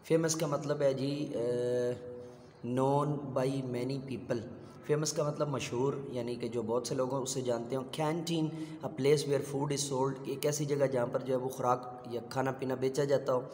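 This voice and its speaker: A middle-aged male teacher slowly explains a kindergarten English textbook, switching between two languages, using many fillers and spelling words out letter by letter. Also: mid-range voice, fairly even intonation, a little mellow, slight background noise. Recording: echoey room with long reverb.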